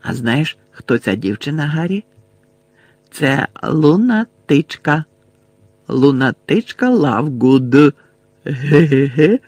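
Guy doing a giggly out-of-it teen wizard boy, high and loud, storybook voice. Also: very animated, slow pace, long pauses, no echo, heavily acted. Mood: giddy dazed. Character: teenage boy wizard, giddy and dazed from a curse.

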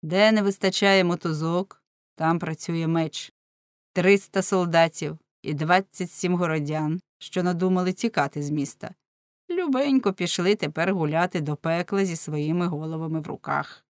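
A woman's voice: on the low side, normal speed, dry recording, clean studio sound, lightly acted. A woman voicing cruel, gloating soldiers who taunt their prisoners in a sneering manner, reading a storybook aloud.

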